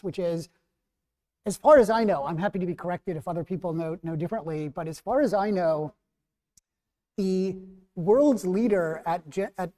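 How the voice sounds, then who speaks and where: A middle-aged man with a New Jersey accent moderates an academic panel, measured and thoughtful, correcting himself as he goes. His voice is high-pitched and mellow, with a big-room sound.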